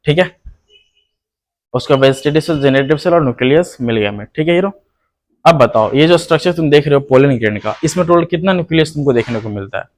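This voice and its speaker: Lively intonation and a quick pace mark this man's higher-leaning voice. He teaches a biology lesson online, calling the viewer "hero" while asking students questions, answering them himself, and repeating key terms.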